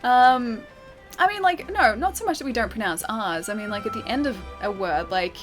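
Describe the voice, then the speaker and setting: With music playing behind her, a Western Australian streamer chats casually with viewers while gaming, laughing a lot and answering chat in her Australian accent. Her voice is on the high side, animated, and at a normal speed.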